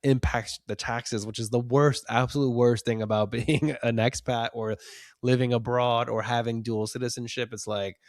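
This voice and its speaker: A man, co-hosting a podcast in casual chat, animated and laughing often. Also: medium pitch, moderate pace, dry recording, studio quality. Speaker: podcast co-host.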